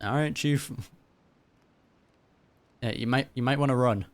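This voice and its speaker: An unhurried young man of medium pitch reacts to a video game as a gaming YouTuber, with game music behind his voice. His commentary is casual and slangy, and he's easily amused, chuckling often.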